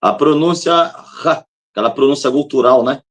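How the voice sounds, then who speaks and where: A man, a fellow professor, answering questions carefully and sounding out words slowly. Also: medium pitch, a bit bright. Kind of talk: casual chat.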